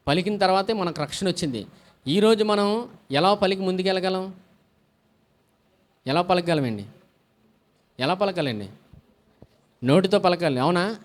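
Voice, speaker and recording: A man's voice: high voice, animated, a little slow, long pauses. A male pastor preaching a sermon, asking the congregation questions, answering them himself and calling out hallelujah often. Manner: call-and-response preaching with frequent hallelujahs.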